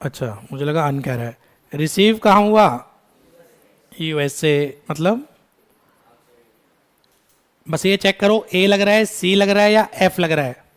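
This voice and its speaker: A man teaching a tax lecture in Hindi mixed with English, quizzing his students, calling them "beta" and scolding them briskly. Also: sits high, smooth. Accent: Indian English. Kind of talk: classroom lecture.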